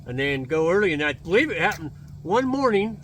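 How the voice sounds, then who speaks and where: Male fireside storyteller, folksy and colloquial, higher-pitched bright voice, light background noise. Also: very animated, brisk. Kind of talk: casual unscripted storytelling with a partner.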